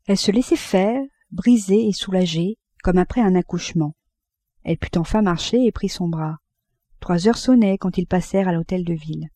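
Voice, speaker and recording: Female audiobook narrator, measured and expressive, dark mellow tone. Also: lowish voice, no echo, studio quality.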